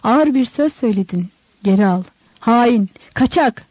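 Gentle, composed male teacher for a storybook, read by a woman, warm and dry. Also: fairly high pitch, a little slow, dry recording, rough recording. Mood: calm. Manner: calm, soft-spoken.

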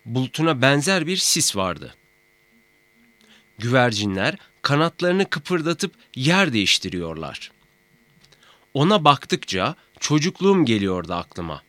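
A man reading a grammar lesson, slowly and deliberately, saying example words in pairs. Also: medium pitch, a bit bright, no echo. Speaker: grammar teacher.

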